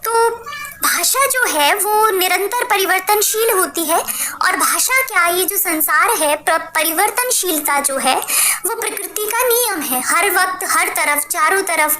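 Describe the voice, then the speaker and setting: Female teacher, very high pitch, measured lecturing delivery; noticeable background noise and clicks. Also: lively intonation, bright, forceful tone. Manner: measured, patient lecturing with repeated phrases. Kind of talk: explanatory spoken lesson.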